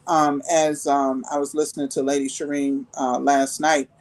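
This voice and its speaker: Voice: medium pitch, little pitch movement, moderate pace, poor audio. A guest in a live online group discussion who speaks thoughtfully and hesitantly, with many filler ums.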